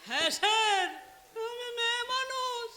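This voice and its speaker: A man's voice: very high voice, expressive, unhurried, exaggerated voice. A man playing a smuggler disguised as a coy woman. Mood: flirty. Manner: coy and teasing. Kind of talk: Bengali jatra stage acting. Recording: live stage recording with loud music.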